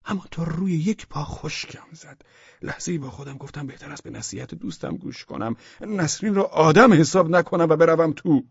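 A man narrating a humorous audiobook in a wry, expressive storytelling manner. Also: a little high, vocal fry, husky, dry recording, lo-fi sound.

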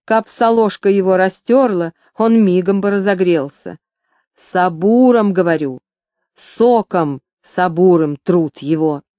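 A rash young nobleman who blurts out news in a hasty, chattering way, as a woman reader puts him on. His voice is mellow and dry. This is an audiobook of a historical novel. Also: lowish voice, slow pace, no room sound.

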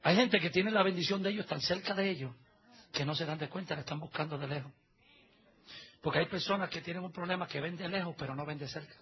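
A man preaching a sermon as pastor at a church service. He is emphatic, swinging between soft asides and loud exhortations. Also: fairly high pitch, fast talker, husky, muffled recording.

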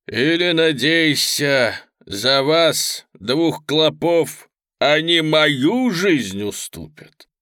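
A man's voice: on the high side, expressive, smooth, no echo, studio quality, voice pushed up, heavily acted. Man playing a gloating bandit villain. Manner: slow, mocking, gloating, loud. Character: cruel, burned male bandit leader, gloating.

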